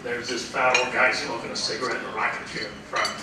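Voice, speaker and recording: An older man in his sixties, heard from a distance, rambles through an award acceptance speech. He tells one anecdote after another with plenty of uh and um. The sound comes through a strongly echoing banquet hall with a steady murmur of room noise. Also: medium pitch, quick pace. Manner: rambling storyteller, full of uh fillers, acts out quoted voices.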